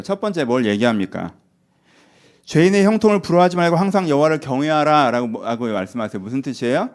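A man delivering a sermon in a relaxed, chatty way. His pitch swings widely and his tone stays lively. Now and then he slips into short acted-out asides. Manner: conversational preaching with acted-out asides. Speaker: pastor.

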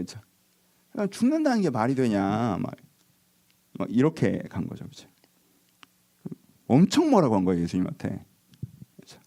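A man preaching a sermon as a pastor, telling the story in a lively, animated way and acting out the dialogue between figures. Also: medium pitch.

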